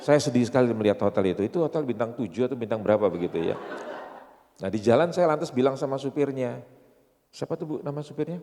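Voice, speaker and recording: A man's voice: medium pitch, expressive, fast talker, warm tone, slight background noise. A pastor in his sixties with an Indonesian accent, giving a seminar sermon full of jokes and rhetorical questions to his audience. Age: 60s. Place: church seminar hall. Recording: long hall reverb.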